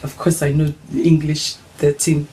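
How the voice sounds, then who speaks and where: In a low-quality recording with slight background noise, a middle-aged Nigerian host of a mums' group show chats casually with her son in a low, level, mellow and unhurried voice. She is upbeat, playfully teasing, and often says um.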